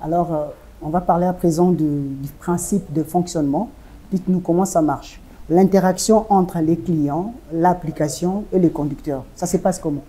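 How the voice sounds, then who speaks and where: A woman hosting a business web show, asking formal, measured interview questions. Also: lowish voice, fairly even intonation, mellow.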